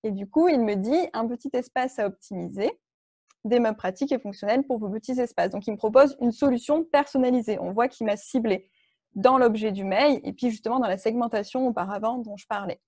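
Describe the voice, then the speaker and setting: A woman's voice: on the high side, a little fast, darkish tone, dry recording. A woman leading an online workshop, explaining step by step with frequent fillers and restarts. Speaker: workshop trainer.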